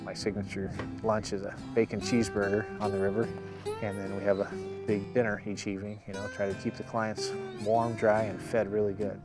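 A man interviewed outdoors at his tent camp, talking in a relaxed, easygoing way. His voice is low and fairly flat. Guitar music plays beneath him. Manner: relaxed, says you know often. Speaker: camp outfitter.

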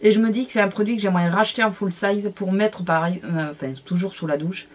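A woman's voice: medium pitch, quick pace. A woman giving a casual beauty product review, chatty and hesitant, with many fillers and self-corrections. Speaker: beauty vlogger.

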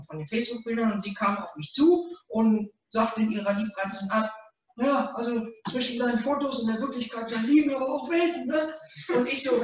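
A woman's voice: medium pitch, a little hiss or hum. A middle-aged woman, the author, hosting a reading and chatting casually with many fillers, recorded from a far camera in a small room. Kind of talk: casual event introduction. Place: small event room, indoors. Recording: roomy echo, mic far off.

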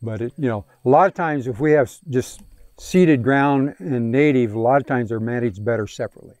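On open prairie at an outdoor field day, a man who works as a range scientist fields questions from a crowd through a handheld microphone. His mid-range, darkish voice is brisk and full of fillers and restarts, with no room sound.

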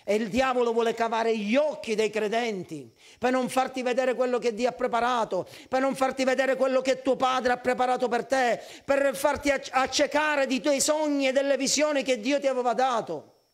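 A man's voice: very high-pitched, steady tone, moderate pace. A male pastor preaching a sermon at a church service, impassioned and crying out prayers.

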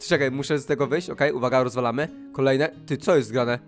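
A young man hosting gameplay commentary, excitable and loud, laughing a lot and yelping at surprises. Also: medium pitch, fast talker, over music. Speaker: gaming channel host.

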